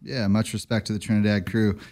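A man hosting a radio show speaks in a fairly low voice. He sounds easygoing and keen, and he stays respectful toward his guest. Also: flat delivery, fairly quick, a little mellow. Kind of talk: casual radio interview.

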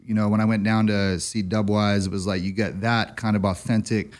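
A man hosting a radio show speaks in a fairly low voice. He sounds easygoing and keen, and he stays respectful toward his guest. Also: flat delivery, brisk. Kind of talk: casual radio interview.

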